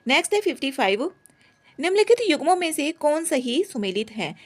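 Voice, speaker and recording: A young woman teacher briskly going through exam answers one by one, repeating each point as she explains. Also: sits high, sing-song.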